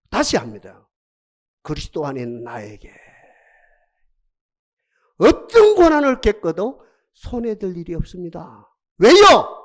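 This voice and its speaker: Male pastor, sermon; extremely lively pitch, dramatic with rhetorical questions. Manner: dramatic preaching, rhetorical questions, swings from loud to hushed. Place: church sanctuary.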